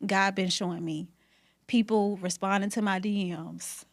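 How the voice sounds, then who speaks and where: A woman's voice: mid-range voice, steady tone, measured pace. A woman hairstylist, a podcast guest, talking candidly and emphatically about her work, money and faith. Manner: emphatic, faith-filled storytelling. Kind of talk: candid conversation.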